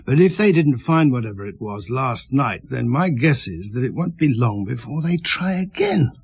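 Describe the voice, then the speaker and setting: An actor playing a calm, laconic police inspector in a radio drama, speaking tersely and asking quiet, probing questions. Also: male voice, medium pitch, normal speed, creaky, slightly rough, no room sound, lo-fi sound, full character voice. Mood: preoccupied.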